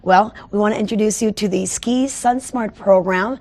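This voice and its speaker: Brief: woman host, mid-pitched, chatty, morning TV interview. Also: normal speed, darkish tone. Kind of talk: upbeat TV interview. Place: TV studio.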